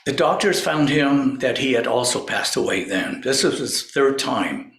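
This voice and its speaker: Male speaker, slow halting storyteller, gravelly voice, roomy echo. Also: mid-range voice, animated, a bit bright. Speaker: spiritual speaker. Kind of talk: storytelling talk.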